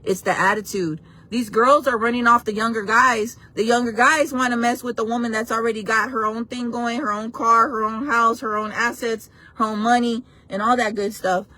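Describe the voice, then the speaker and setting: A woman's voice: fairly high pitch, fairly even intonation, moderate pace, hardly any pauses, bright, forceful tone. A woman in her forties hosting a casual livestream chat, talking bluntly and playfully while she reacts to her chat. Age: 40s. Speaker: livestream host.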